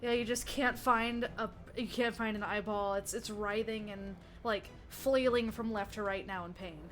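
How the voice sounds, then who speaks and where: A woman's voice: medium pitch, fairly even intonation, moderate pace, music in the background. A woman narrating as game master in a tabletop game, describing the action with lots of restarts and fillers.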